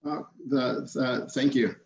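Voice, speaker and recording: A man's voice: medium pitch, fairly even intonation, takes it slowly, darkish tone, reverberant, muffled recording. A man who runs a kava export company, speaking hesitantly on a webinar panel with many fillers.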